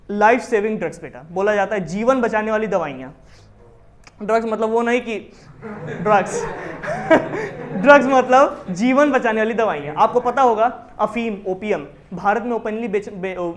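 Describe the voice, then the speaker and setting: A man teaching a commerce class, explaining with lively questions to his students. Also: high voice. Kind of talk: classroom lecture in Hindi with English terms.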